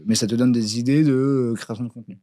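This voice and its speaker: A man's voice: mid-range voice, fairly even intonation, quick pace, warm tone, no echo. A man co-hosting a podcast in casual chat, talking hesitantly with many fillers and restarts. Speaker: podcast co-host. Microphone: studio podcast mic. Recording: dry close podcast studio sound.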